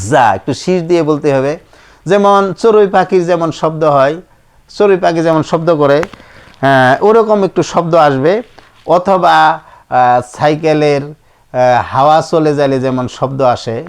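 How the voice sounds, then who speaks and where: Slow patient teacher, man. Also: on the high side. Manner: patient, repeats each letter sound many times, drawn out. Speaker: Quran teacher. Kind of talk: slow letter-by-letter teaching of Arabic script.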